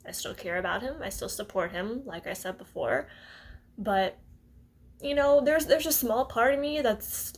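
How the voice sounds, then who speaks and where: A woman's voice: fairly high pitch, moderate pace. Hesitant young woman rambling to camera. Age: twenties. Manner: rambling, hesitant, laughs often. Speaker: vlogger. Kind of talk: casual talk to camera.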